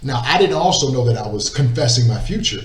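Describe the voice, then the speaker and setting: A middle-aged man shares his faith story as an interview guest, talking fast in an expressive, mid-range voice. His earnest testimony is emphatic, full of repeated words and questions like "right?". The distant mic picks up roomy echo and faint noise.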